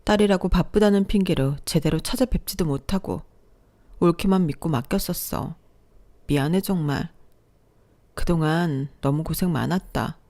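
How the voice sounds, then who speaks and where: A woman voicing a middle-aged sister-in-law who comforts kindly and scolds loudly. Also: sits low, moderate pace. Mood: consoling. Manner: loud, scolding outbursts.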